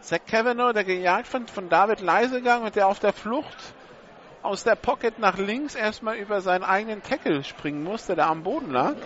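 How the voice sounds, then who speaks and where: A man's voice: sits high, normal speed, a bit bright, highs cut off. A man giving live play-by-play commentary on an American football game.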